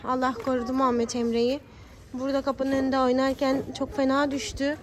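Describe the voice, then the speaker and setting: In a noisy recording at the family home, a young mother vlogs casually and talks to her viewers like friends. Her high-pitched voice moves fairly quickly but stays completely flat.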